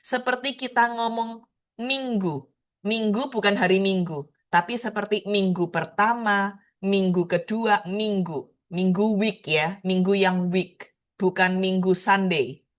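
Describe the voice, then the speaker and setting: Her voice is mid-range and steady, marked by a Surabaya Javanese accent. In an online language lesson, she goes slowly and patiently, saying each word again and again so learners can mimic how it sounds.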